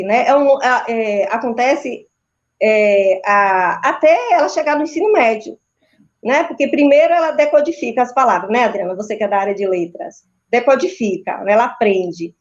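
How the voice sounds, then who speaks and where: A woman with a Brazilian Portuguese accent, a sleep consultant giving didactic answers in an interview and often checking in with tag questions. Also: on the high side. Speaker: maternal and child sleep consultant. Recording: dull, lo-fi video call audio.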